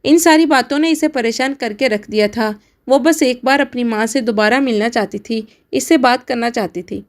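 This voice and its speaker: A woman narrating a dramatic family story in a steady, scripted reading. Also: a little high.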